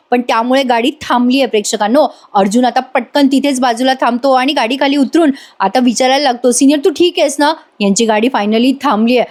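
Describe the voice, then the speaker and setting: A high-pitched woman with a Marathi accent narrates a TV serial recap as a voice-over. She chats straight to her viewers and slips into each character's lines as she tells the story. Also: a little mellow. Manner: chatty, addresses viewers directly, acts out characters' lines. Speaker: TV serial reviewer.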